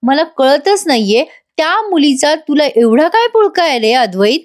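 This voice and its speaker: A possessive, scheming middle-aged aunt with a sharp, scolding tongue, as a woman puts her on. She sounds bitter and sits slightly high in pitch. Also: very animated, normal speed. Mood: resentful.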